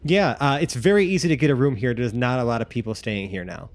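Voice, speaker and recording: A man's voice: medium pitch, quick pace. A man running a tabletop game as game master, describing scenes in a rambling way full of fillers.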